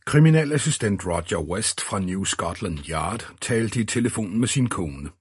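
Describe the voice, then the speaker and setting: Husky low-voiced man narrating an audiobook. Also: lively intonation, dry recording, studio quality. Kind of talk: scripted narration.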